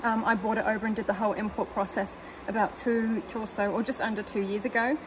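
Sitting in a parked car, a New Zealand woman appearing as the car-owner guest rambles casually about her car, giggling and using lots of fillers. Her medium-pitched voice stays fairly even, she talks fast, and there's noise in the background.

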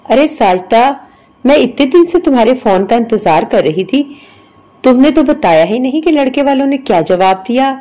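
A woman voicing a proud, sharp-tongued middle-aged mother, scolding and boastful, in a storybook reading. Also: sits high, expressive.

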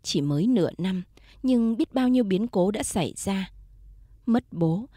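A woman storyteller reading a first-person country story in a calm, measured way. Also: mid-range voice, no room sound, clean studio sound. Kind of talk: first-person scripted narration of a late-night story.

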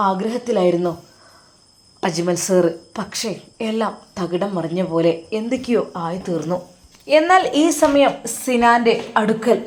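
A woman with a Malabar accent narrating a religious story in an earnest, measured way. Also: mid-range voice, a little mellow. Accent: Malabar Malayalam.

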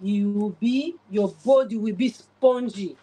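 Cleaning her oven indoors at home, this woman in her forties keeps up a casual livestream chat and greets viewers by name. She speaks in an unhurried, mid-range voice with a dark, slightly rough tone, recorded on a phone camera pointed at the oven.

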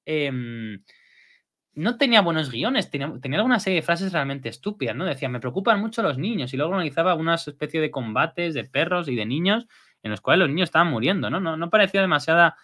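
Chatty guy breaking down an episode, bright voice, bouncy pitch. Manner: chatty, lively, with frequent fillers and tag questions. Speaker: video host.

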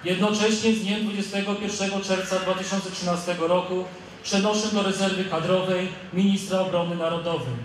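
A high male voice rings with heavy echo from outdoor loudspeakers. He is an officer formally reading out military orders, a little distant from the recorder. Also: flat delivery, a little fast. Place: outdoors at a ceremony. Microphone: stand microphone through loudspeakers. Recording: echoing outdoor PA, distant, faint noise.

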